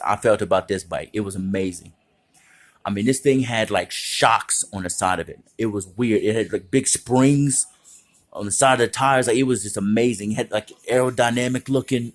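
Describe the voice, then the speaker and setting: A man casually telling profane, animated stories, often jumping into other voices. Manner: animated, profane, acts out voices with big pitch jumps. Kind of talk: casual storytelling.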